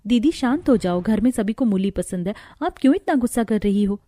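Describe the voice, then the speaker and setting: A woman voicing a patient young daughter-in-law in a cartoon, speaking softly and pleadingly. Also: mid-range voice, lively intonation, fairly quick, dry recording, lightly acted. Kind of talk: cartoon voice acting.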